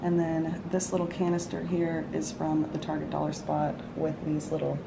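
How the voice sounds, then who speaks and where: A young woman talks to the camera for her vlog from her living room, relaxed, chatty, and saying "y'all" in Southern fashion. Her voice sits low with vocal fry, she speaks at an ordinary speed, and the background is noisy.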